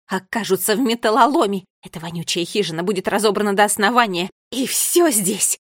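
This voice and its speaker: A woman's voice: fairly high pitch, very animated, normal speed, husky, dry recording, clean studio sound. A woman reading aloud and voicing a furious, vengeful girl who shrieks and hisses. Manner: shrieking, spitting rage.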